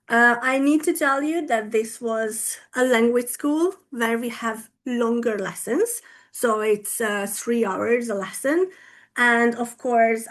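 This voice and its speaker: A woman with a slightly high voice, a native Hungarian speaker, gives an online conference talk about her language teaching. She speaks deliberately and checks in with her listeners often.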